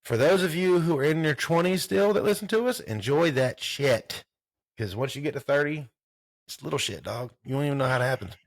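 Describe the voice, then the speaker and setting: A man's voice: on the high side, lively intonation, fairly quick, dry recording. A man in his thirties hosting a casual sports podcast, rambling and swearing in a laid-back way. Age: 30s. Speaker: podcast host.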